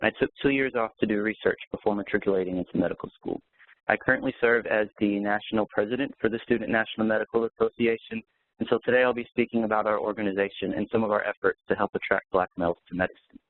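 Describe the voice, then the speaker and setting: A young man with a lowish voice, speaking quickly through a scripted presentation. The audio is dry and close. It has the thin, narrow sound of a phone line. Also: fairly even intonation, no echo. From Hawaii, raised in North Carolina. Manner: brisk and scripted. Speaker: medical student presenter. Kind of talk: prepared presentation.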